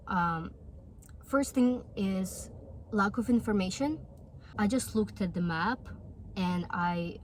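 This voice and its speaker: With a mid-range voice and a bit of hiss or hum in the background, a Russian-accented vlogger in her 20s speaks earnestly and encouragingly to the camera in a casual way. She comes from Russia and Russian is her first language.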